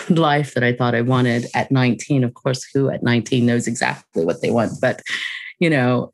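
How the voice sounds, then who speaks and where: An interview guest tells a personal story casually and reflectively, using many fillers and soft laughs. Her or his voice is medium in pitch.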